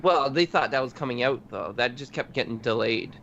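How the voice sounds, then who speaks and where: A man's voice: mid-range voice, fairly quick, gravelly, fairly bright tone. A man co-hosting a casual podcast chat, easygoing and rambling, correcting himself as he goes. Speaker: podcast co-host. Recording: dull lo-fi audio with faint hiss.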